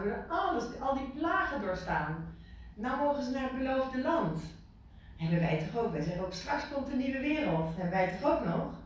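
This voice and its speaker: A woman giving an informal sermon to a small group, lively and full of questions to her listeners, repeating words for emphasis. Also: a little high. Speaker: preacher. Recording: echoey room from far off, faint noise.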